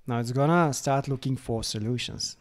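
A man casually walking through a software demo, chatty and full of fillers like "like" and "uh". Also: medium pitch, normal speed. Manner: chatty, lots of fillers, reads chatbot replies aloud. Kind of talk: casual screen-recorded product walkthrough.

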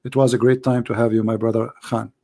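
A man's voice: medium pitch, little pitch movement, fast, warm tone. A man hosting a live call-in religious debate, preaching with passion in broken grammar while losing his voice. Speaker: call-in show host.

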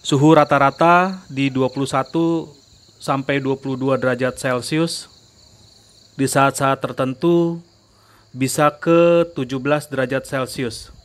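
A man narrating a casual camping vlog in a relaxed way, often addressing viewers as friends. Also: mid-range voice. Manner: slow, relaxed, calls viewers "gengs". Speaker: travel vlogger.

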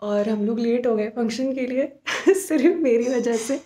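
Young woman, vlogger, casual chatty talk, higher-pitched voice, code-mixing English. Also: moderate pace, mellow. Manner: chatty, mixes English phrases into her talk. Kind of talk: casual vlog chat.

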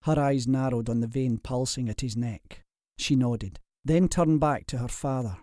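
A man narrating a historical romance audiobook in a measured, steady way. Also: medium pitch, dry recording. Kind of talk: scripted narration.

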